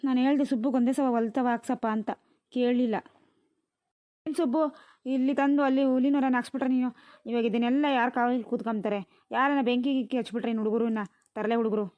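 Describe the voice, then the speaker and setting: A woman voicing a sharp-tongued village grandmother. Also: a little high, steady tone, fast talker, no echo, lightly acted. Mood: grumbling. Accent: rural Karnataka Kannada. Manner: scolding, lamenting, cursing loudly. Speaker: mother-in-law and wife in a cartoon household. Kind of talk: cartoon voice acting. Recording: dry, dull lo-fi sound.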